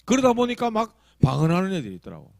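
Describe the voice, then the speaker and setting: A male pastor with a Gyeongsang accent preaching a sermon, telling stories that swing from loud emphasis to hushed asides. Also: sits high, wildly swooping pitch, quick pace, gravelly, no echo. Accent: Gyeongsang Korean. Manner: acts out quoted prayers and tongues.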